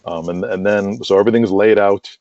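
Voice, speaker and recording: Speaking a little fast in a lowish, darkish voice with fairly even intonation, the writer of a wrestling audio drama rambles through a casual interview about his work. He leans constantly on "like" and "you know," and the call audio is dull and lo-fi with roomy echo.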